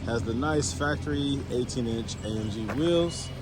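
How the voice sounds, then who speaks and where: A man narrating a casual workshop vlog, relaxed and enthusiastic, often repeating his praise with exclamations. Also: medium pitch, moderate pace. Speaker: auto shop owner. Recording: noisy background.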